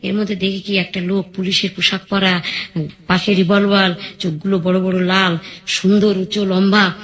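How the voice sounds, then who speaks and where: A woman tells her life story as a radio guest. She is lively and acts out the voices of the people in it. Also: mid-range voice, normal speed, lo-fi sound.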